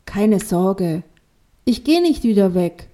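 A woman voicing a gentle mother who has been reborn as a glowing fairy snail. She speaks softly and reassuringly. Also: mid-range voice, very animated, slow pace. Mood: tender.

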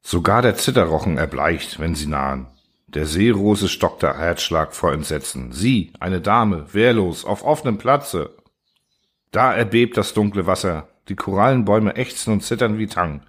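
A man narrating a story in a measured, dramatic storytelling manner. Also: low-pitched, lively intonation, breathy edge.

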